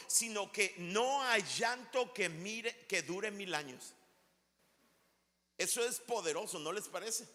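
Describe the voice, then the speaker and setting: A man delivers a sermon from the pulpit in a high, bright voice. He speaks slowly and deliberately, drawing out key words and rising into shouts. His voice trails off into the long echo of a large church hall. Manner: emphatic preaching with slow drawn-out phrases and sudden shouts. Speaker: pastor.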